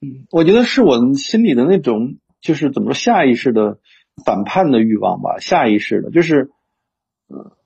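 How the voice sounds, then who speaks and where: A man's voice: medium pitch, creaky, darkish tone, husky. A man talking reflectively in casual conversation, with many fillers and restarts. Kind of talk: casual conversational discussion about books. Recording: dull lo-fi sound.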